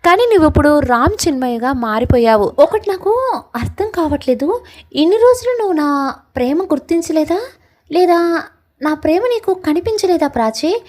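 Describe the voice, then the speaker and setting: A woman's voice: sits high, expressive, moderate pace, a little mellow, low-quality recording. A woman voicing a heartbroken young man who pleads tearfully and reproachfully with the woman he loves, in a spoken love story. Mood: heartbroken pleading.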